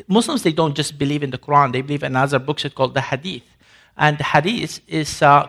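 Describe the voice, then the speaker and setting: A man's voice: a little high, vocal fry, fairly bright tone. A man from Sudan giving an emphatic ministry presentation to an audience, with grammar and frequent restarts. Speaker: ministry speaker.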